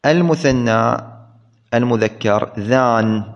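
A man's voice: medium pitch, slow pace. A man giving a grammar lesson, repeating key words and asking questions he then answers himself. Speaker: grammar teacher. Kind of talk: classroom lecture. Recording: dull lo-fi recording.

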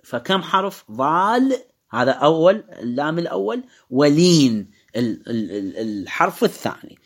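Iraqi man teaching, lively pitch. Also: moderate pace. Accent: Iraqi Arabic. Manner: explanatory, demonstrates pronunciation by drawing out words. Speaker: religious teacher. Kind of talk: lecture on Quran recitation rules.

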